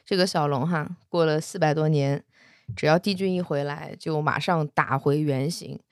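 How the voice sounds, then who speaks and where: A woman casually retelling a fantasy romance novel, chatty, with soft particles at the ends of her sentences. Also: low voice, fairly even intonation, normal speed, dry recording, studio quality. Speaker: storyteller.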